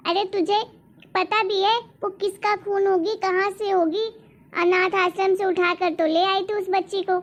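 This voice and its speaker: A woman's voice: very high-pitched, flat delivery, unhurried. A woman voicing a stern old grandmother who scolds her granddaughter and favors her grandson. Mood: scornful. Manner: harsh, scolding. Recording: dull lo-fi recording.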